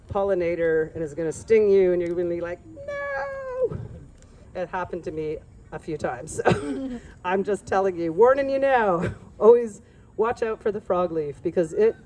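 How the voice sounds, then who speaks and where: A woman teaching a group about plant medicine, telling lively stories and laughing often. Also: fairly low pitch, a little hiss or hum.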